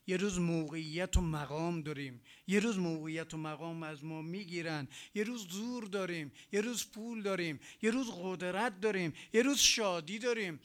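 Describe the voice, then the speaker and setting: A man's voice: sits high, a bit bright. A man preaching a sermon, with emphatic repetition and rhetorical questions.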